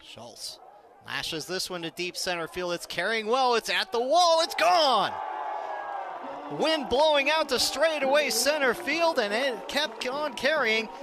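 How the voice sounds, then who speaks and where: A baseball play-by-play announcer, an American man with a high voice, calls a game live on the radio. He describes the action in a measured, detailed way and readily lifts into excitement as plays build, with background noise audible.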